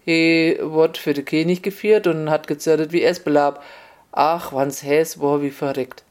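A storyteller with a narrates a comic folk tale in a relaxed, wry manner. The voice sits at a middling pitch and moves at an unhurried, even pace.

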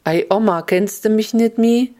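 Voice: mid-range voice, a little slow, mellow, pitched above the performer's own voice, lightly acted. A sly, wheedling fox with an Upper Hessian dialect, as a storyteller puts him on. His voice jumps well above the narration, coaxing and pushy, like a storybook trickster at a door. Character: sly fox posing as a grandson.

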